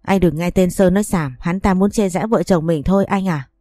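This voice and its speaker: Brief: a woman voicing a sobbing, pleading young wife, low mellow tone. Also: a little fast, no room sound, faint music behind, lightly acted. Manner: begging, sobbing.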